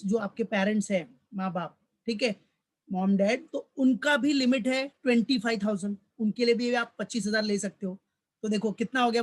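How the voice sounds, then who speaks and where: A man's voice: very high-pitched, a bit bright. A man teaching a recorded lecture who calls his students "beta", repeats each point, and keeps asking questions that he answers himself. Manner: fatherly, addresses students as "beta". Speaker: college commerce lecturer. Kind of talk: recorded tax lecture in mixed Hindi and English.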